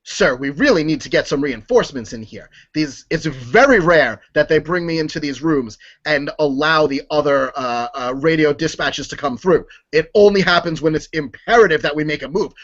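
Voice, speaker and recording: Flustered, higher-pitched military aide, played by a man. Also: fairly bright tone, lo-fi sound. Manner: insistent, halting, repeats himself. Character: earnest, flustered military aide pressing his superior. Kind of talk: improv comedy acting.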